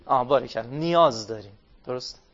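A man giving an interactive religious talk, asking his listeners questions, answering them himself and drawing out key phrases slowly. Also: mid-range voice. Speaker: religious speaker. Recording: dull lo-fi recording.

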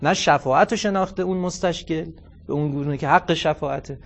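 Animated man giving a religious lecture. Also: fairly high pitch, vocal fry. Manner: animated, storytelling with reenacted dialogue and Arabic quotations. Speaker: cleric lecturer.

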